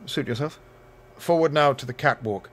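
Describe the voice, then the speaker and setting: In a radio drama, a male actor with an upper-class English accent plays a jovial, domineering rocket tycoon, hearty and commanding. His voice is medium-pitched and close to everyday speech, at normal speed. He comes across proud and brisk.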